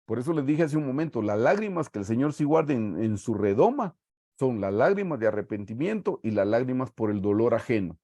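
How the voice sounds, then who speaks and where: A man with a Guatemalan Spanish accent leading a sermon-style Bible study over a video call, reading verses slowly and often calling his listeners brothers. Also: mid-range voice, expressive, mellow, dry recording.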